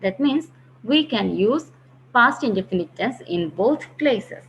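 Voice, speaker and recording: This recorded online grammar lesson features a woman whose fairly high, expressive voice moves a little slowly as she patiently explains and repeats key phrases. Faint hiss runs through the dull, lo-fi recording.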